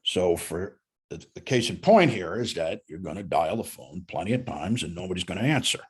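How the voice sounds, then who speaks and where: A middle-aged man with a husky voice, coaching a student one-on-one on sales calls in a folksy, animated way. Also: low-pitched, moderate pace. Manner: animated, folksy, uses analogies.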